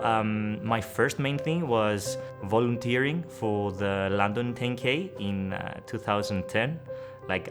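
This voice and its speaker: A man with a lowish voice talks relaxed and conversational in a documentary interview, with frequent fillers. Strong music plays behind. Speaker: doctor, interviewee. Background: background music.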